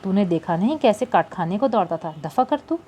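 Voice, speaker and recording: A woman's voice: medium pitch, expressive, fairly quick, dark tone, a little hiss or hum, close to an everyday voice. A woman voicing a loyal, blunt-talking companion who consoles her friend in an audiobook. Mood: consoling.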